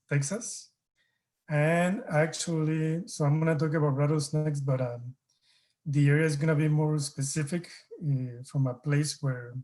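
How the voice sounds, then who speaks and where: A man from Mexico giving an online talk as a guest scientist, speaking in a relaxed way with many pauses and fillers. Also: a little high.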